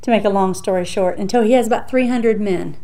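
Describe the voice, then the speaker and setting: A woman's voice: mid-range voice, fast, warm tone. A woman teaching Bible study in a conversational, emphatic way, repeating key phrases for weight.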